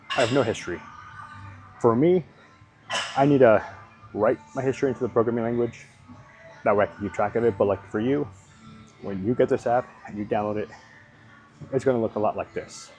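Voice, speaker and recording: A man's voice: lowish voice, moderate pace, pauses often, a little mellow, faint music behind. A man casually talking through his home workout, rambling and thinking aloud, hedging and swearing now and then. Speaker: fitness vlogger.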